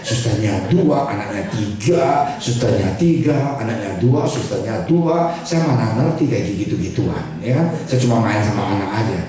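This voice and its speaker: Older male pastor, jokey animated preacher, recorded from afar in a reverberant church with the crowd behind. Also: fairly low pitch, normal speed, hardly any pauses. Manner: animated, joking, mixing in English and Chinese words. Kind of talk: sermon. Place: church hall. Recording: echoey hall from far off with congregation. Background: congregation laughing.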